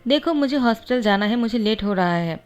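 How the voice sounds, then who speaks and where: A woman's voice: a little high, animated, a little fast, clean tone, lightly acted. A woman voicing a weary, curt young male doctor in a storybook-style reading.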